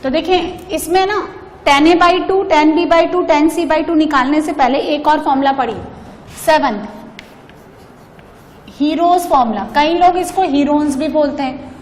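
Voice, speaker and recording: High-voiced woman teaching maths in a hall. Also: unhurried. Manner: prompts students to answer, mixing Hindi and English. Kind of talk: blackboard maths lecture. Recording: classroom with long reverb, faint noise.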